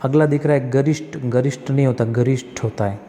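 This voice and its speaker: A man's voice: mid-range voice, quick pace, mellow, in a large hall, a little hiss or hum. A male tutor walks through exam practice questions, reading each one, correcting the spellings step by step and asking himself questions that he answers.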